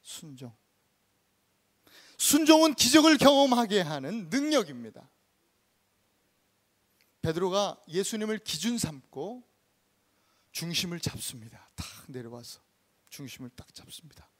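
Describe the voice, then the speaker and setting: A male pastor giving an animated storytelling sermon in a church, acting out the scenes he tells. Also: sits high, measured pace, long pauses. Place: church sanctuary.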